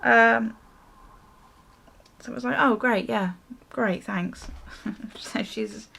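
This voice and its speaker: A woman getting ready talks casually to her viewers, her story rambling along with self-interruptions and chuckles. Her fairly high voice is creaky, pushed and bright, holding a steady tone at a slow pace.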